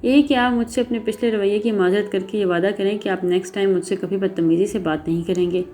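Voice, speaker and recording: A woman's voice: medium pitch, steady tone, dark tone, natural voice. A woman voicing a stubborn, teasing young man in a story reading, with a smug manner.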